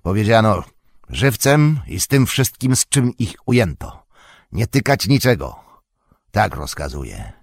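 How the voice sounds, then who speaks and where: A hulking orc warlord, as a male reader puts him on, his grating bass voice low and dragging as he barks orders in a storybook reading. He is commanding and boastful, with a slow, heavy delivery and a dry, close sound. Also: very animated, vocal fry, dry recording, full character voice. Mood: gruff. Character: gruff hulking male orc captain, domineering. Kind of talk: audiobook character voice.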